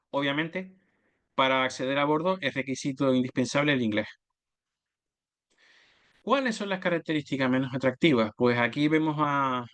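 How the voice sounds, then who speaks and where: An oil and gas business development manager gives an explanatory slide presentation, listing points methodically and correcting himself mid-word. His voice is medium-pitched and a bit bright.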